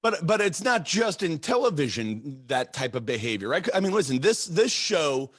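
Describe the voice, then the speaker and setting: A middle-aged man hosting a podcast interview, talking in an animated, halting way with restarts and fillers. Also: on the high side, dry recording, clean studio sound. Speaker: podcast host. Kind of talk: casual interview chat.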